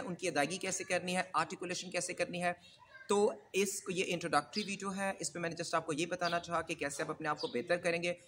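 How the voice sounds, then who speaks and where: A man's voice: high-pitched, background noise. A man teaching English pronunciation in Urdu mixed with English, modeling sample phrases for learners. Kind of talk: Urdu-English accent lesson.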